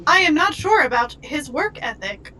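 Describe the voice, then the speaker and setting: High, lively woman at the table. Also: moderate pace, music in the background, poor audio. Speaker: player. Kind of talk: tabletop role-play.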